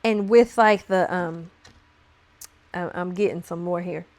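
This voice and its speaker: A woman's voice: on the low side, unhurried, a little mellow. A woman tarot reader talking casually to her viewers as she turns cards, chatty and playful, breaking into laughs between points.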